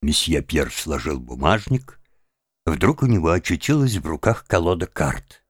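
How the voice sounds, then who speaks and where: A man reading a literary novel aloud in a measured, expressive way. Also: rumbling low, breathy edge, dry recording, clean studio sound. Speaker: audiobook reader. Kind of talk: literary audiobook narration.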